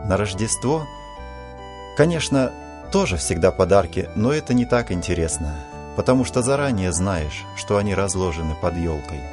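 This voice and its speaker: A man voicing an eager schoolboy who boasts about holiday treats in a lively, excited way. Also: sits low, normal speed, music in the background.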